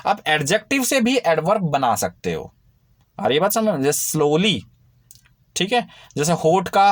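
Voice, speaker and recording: A man teaches a grammar lesson in a fairly high voice, explaining step by step and checking that the viewer keeps up. The recording is dry and close. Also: dry recording.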